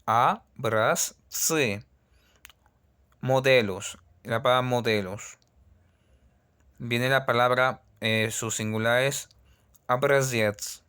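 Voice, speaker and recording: Slow, patient male language teacher. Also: mid-range voice, steady tone, a bit bright, smooth. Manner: patient, repeats words slowly for learners.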